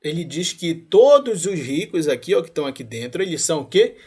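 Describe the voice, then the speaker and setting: Male math tutor, Paraense Brazilian accent, raspy and slightly high voice, energetic exam-prep style. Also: brisk. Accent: Paraense Brazilian Portuguese. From Pará, Brazil. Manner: energetic, addresses viewers as galera, frequent tag questions like tá? and ó. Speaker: math teacher. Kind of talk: exam-prep lesson walkthrough.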